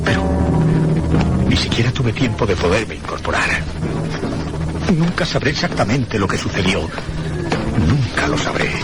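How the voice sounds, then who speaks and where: An actor with a natural, mid-range voice plays a haunted man recounting his ordeal in a radio horror drama, phrasing each line in a theatrical, deliberate way. The audio quality is poor.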